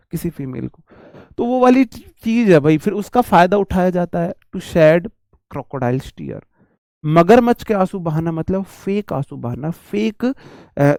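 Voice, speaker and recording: A man's voice: fairly high pitch, creaky, darkish tone, dry recording, studio quality. A man from India teaching English idioms in a casual, chatty lesson, calling students brother and repeating himself. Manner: chatty, addresses students as bhai and ji, repeats phrases. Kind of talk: casual Hindi vocabulary lesson.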